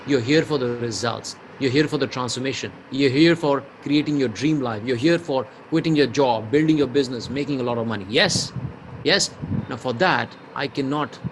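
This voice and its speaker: A man's voice: medium pitch, noisy background. A man from India with an Indian accent, a business mentor leading a live webinar with rhetorical questions and mixing in Hindi. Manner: energetic, rhetorical, reads out chat replies, mixes in Hindi.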